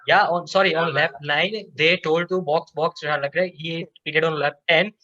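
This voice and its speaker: A man's voice: a little high, fairly even intonation, normal speed, bright, forceful tone, muffled recording. A man co-hosting a casual race review podcast, chatty, laughing often and restarting his sentences. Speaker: podcast co-host.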